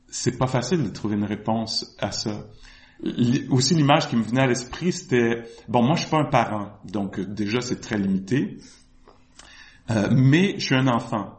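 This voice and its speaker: Male meditation teacher, mid-pitched, thoughtful and halting, roomy echo. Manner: hesitant, reflective, with frequent restarts. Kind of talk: answering questions in a dharma talk. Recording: echoey room.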